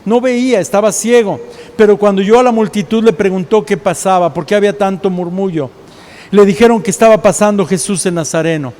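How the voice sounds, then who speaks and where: Mexican pastor, high male voice, storytelling sermon in a reverberant church hall. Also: a little fast, darkish tone. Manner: storytelling preacher, acts out quoted voices.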